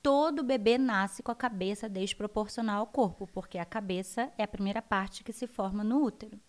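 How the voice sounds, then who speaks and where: A woman with a Brazilian accent, a guest educator explaining child development in an animated interview. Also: mid-range voice, brisk. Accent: Brazilian Portuguese. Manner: animated, acts out her children's voices.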